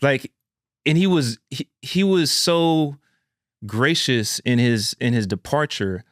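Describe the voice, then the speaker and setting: A man's voice: mid-range voice, slow, dry recording. Guy on a podcast telling a heavy personal story, earnest, keeps saying man and bro, dry close mic. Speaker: podcast host.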